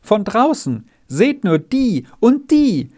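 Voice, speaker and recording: A man's voice: on the high side, unhurried. A male storyteller voicing an eager, cheerful young farmhand boy. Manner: eager, excited.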